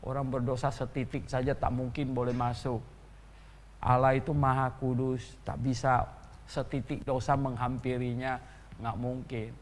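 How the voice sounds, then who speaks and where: A man pastor giving an animated sermon in a church, full of rhetorical questions and chuckling asides. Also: medium pitch, moderate pace, long reverb tail.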